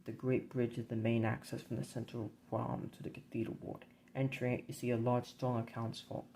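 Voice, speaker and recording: A man narrating a dark board game campaign in a measured, grim storybook reading. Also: mid-range voice, flat delivery, creaky, a little hiss or hum, low-quality recording.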